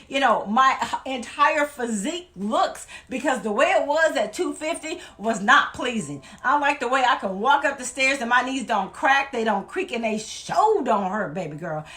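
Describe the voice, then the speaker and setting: A woman's voice: fairly high pitch, sharp tone. A woman from Louisiana, giving an emphatic, folksy motivational talk as a weight-loss vlogger.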